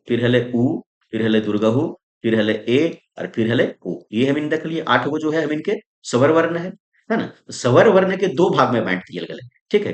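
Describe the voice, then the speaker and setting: A male grammar teacher, teaching in a lively, sing-song way that rises and falls. His voice rings around an echoey room. He fires questions at the class, answers them himself and keeps checking that everyone follows. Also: fairly high pitch. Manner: constant checks like "isn't it?" and "okay?". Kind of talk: exam-prep grammar lesson.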